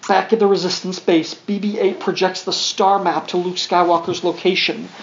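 A creaky, high-pitched male voice with little pitch movement reads a children's story to a young son at normal speed, adding wry, playful asides. The sound is dull and lo-fi, with faint noise behind it.

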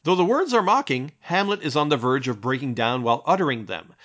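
A man's voice: medium pitch, lively intonation, fairly quick, a bit bright. Man narrating analysis, slightly dull recording. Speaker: narrator and film critic. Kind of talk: scripted analytical commentary.

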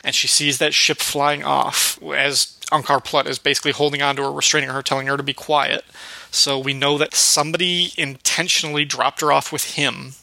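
Bright, gravelly-voiced man musing aloud. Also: a little high, little pitch movement, normal speed, dry recording, rough recording. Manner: thoughtful, musing. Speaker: podcast host. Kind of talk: casual discussion.

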